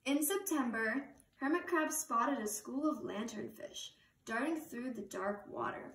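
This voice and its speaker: Young woman reading a storybook slowly. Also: a little high, slight background noise. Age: young adult. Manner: slow, expressive storytelling. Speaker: reader. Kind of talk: children's picture book read-aloud. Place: living room, on a couch. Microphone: camera across the room. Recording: roomy living room from far camera.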